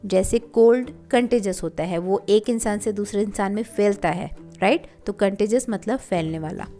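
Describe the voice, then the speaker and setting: A woman with an Indian accent teaching English vocabulary, reading each example sentence slowly and clearly, then explaining it in Hindi. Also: mid-range voice, warm tone, faint music behind.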